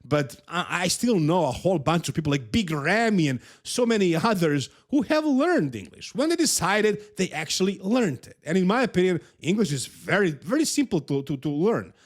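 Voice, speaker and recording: Speaking at normal speed with hardly a pause, this Serbian man's high, sing-song voice carries his casual bodybuilding commentary. He's a native Serbian speaker with the accent to match, pushing strong opinions and frequently repeating points.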